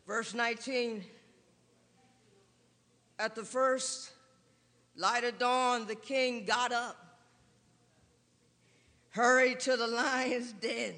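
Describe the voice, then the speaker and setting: High-voiced gravelly preacher in a reverberant hall. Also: male voice, fairly even intonation. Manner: rising to shouted, drawn-out emphatic preaching. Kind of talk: sermon. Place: large church hall. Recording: long reverb in a large hall.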